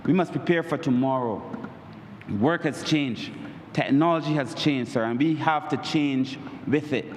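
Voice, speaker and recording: At a measured pace, a Barbadian member of parliament addresses the Speaker again and again with the refrain "Mister Speaker, sir," delivering an emphatic, oratorical speech that rises in pitch on key points. The recording carries a little hiss or hum and the long reverb of a large, echoey chamber.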